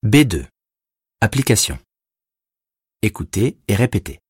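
A man narrating a recorded language lesson, explaining grammar rules with slow, deliberate pauses between words. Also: fairly low pitch, very animated, slightly rough, no echo, studio quality. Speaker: language teacher.

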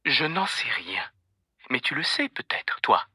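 A man reading an audiobook, voicing a rich older mother who speaks calmly and coldly while recounting a shooting. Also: mid-range voice, unhurried, husky, dry recording, studio quality, voice pushed up, full character voice. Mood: cold, anxious. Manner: calm, cold, disjointed. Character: cold, rattled older mother on the phone. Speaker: narrator voicing a character.

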